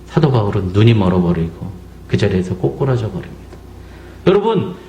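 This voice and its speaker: A man's voice: mid-range voice, a little mellow, slight background noise. A middle-aged man from South Korea preaching a sermon as pastor, acting out quotes and asking the congregation pointed questions. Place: church sanctuary. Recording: echoey church sanctuary.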